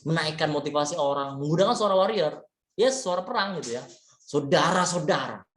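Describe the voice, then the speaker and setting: A man giving a relaxed, chatty leadership lecture, full of fillers and tag words, mixing in English terms. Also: on the high side, fast. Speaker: leadership trainer. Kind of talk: casual webinar lecture. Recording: echoey room.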